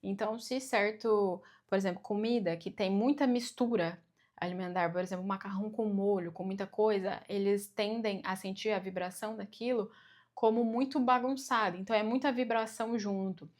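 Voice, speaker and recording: Gentle woman explaining unhurriedly. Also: mid-range voice, steady tone. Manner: gentle, unhurried, with frequent "né?" tags. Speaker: spiritual channel host. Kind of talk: casual explanatory monologue to viewers.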